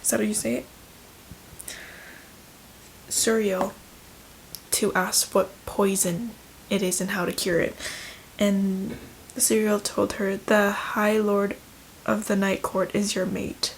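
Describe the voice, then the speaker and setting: A woman's voice: medium pitch, level tone, a little slow, gravelly, slight background noise, low-quality recording. A young woman vlogging casually about her reading, chatty and gushing in her reactions. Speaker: book vlogger. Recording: music playing under the voice.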